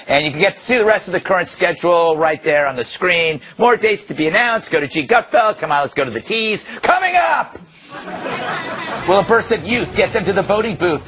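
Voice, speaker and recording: A male talk show host trades sardonic jokes with his panel in a studio. His voice sits high for a man. He keeps the banter moving between quips and plugs. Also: fairly bright tone. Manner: sardonic, joking. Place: television studio.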